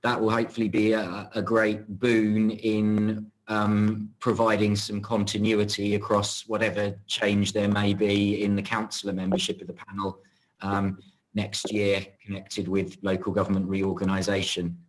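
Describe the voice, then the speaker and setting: An English man explains procedure to a panel in a measured, factual way. His voice is low and quite flat in pitch. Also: poor audio. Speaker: panel officer.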